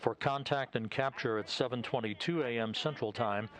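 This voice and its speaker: A man's voice: mid-range voice, normal speed, fairly bright tone. A man, speaking as a mission control commentator in live coverage of a spaceflight.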